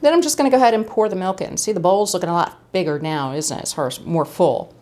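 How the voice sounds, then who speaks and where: Chatty woman with a lowish voice. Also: fast talker, darkish tone. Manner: chatty, friendly, with fillers and asides. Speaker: cooking channel host. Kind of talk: casual cooking demonstration. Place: home kitchen.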